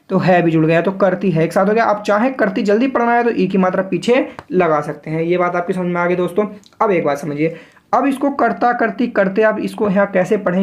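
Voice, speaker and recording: Man, shorthand teacher, spoken lesson, step-by-step explaining, frequent check-ins, slow sounded-out words. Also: high-pitched. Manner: sounds out words slowly while demonstrating.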